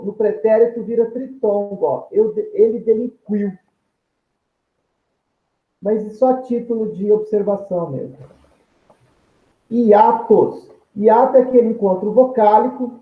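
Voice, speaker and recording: High-voiced male teacher, tinny echoey sound. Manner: explanatory, points at examples on screen; stretches out example words syllable by syllable. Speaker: Portuguese grammar teacher. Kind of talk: video lesson explaining grammar.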